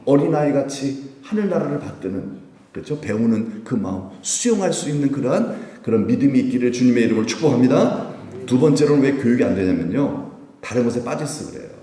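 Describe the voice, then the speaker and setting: A man's voice: medium pitch, mellow. Korean man preaching in an echoing church hall. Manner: conversational preaching with rhetorical questions and light laughter. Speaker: pastor. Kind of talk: sermon at a Friday prayer meeting. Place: church sanctuary. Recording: roomy hall, voice from a distant mic.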